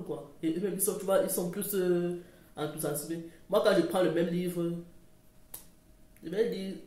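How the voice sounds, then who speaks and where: A woman's voice: sits low, warm tone. Woman chatting to camera about her kid, rambly, fixes her words a lot, echoey room. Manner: chatty, rambling, self-correcting. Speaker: parenting vlogger. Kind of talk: casual chat to camera. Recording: roomy echo.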